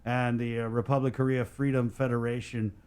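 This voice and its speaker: A man's voice: medium pitch, little pitch movement, a little fast, darkish tone, clear, resonant tone. A man hosting a radio talk show, upbeat and joking, laughing along with his guests. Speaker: radio host.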